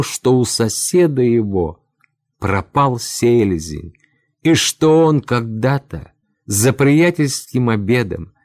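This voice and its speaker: A man's voice: fairly low pitch, a little mellow, dry recording, clean studio sound. A man narrating a historical novel aloud in a dramatic reading style, lifting his voice for the characters' cries.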